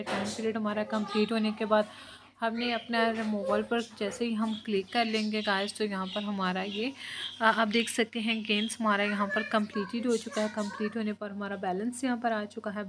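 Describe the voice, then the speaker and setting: Flat-voiced woman walking through an app. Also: medium pitch, background noise. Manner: flat, repetitive, with frequent fillers like guys and friends. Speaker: YouTube channel host. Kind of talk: screen-recorded app walkthrough.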